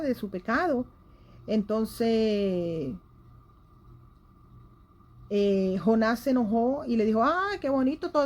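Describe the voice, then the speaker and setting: A woman's voice: medium pitch, dark tone. A woman preaching a sermon in a church's home broadcast, in an earnest manner that rises and falls in intensity. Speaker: lay preacher.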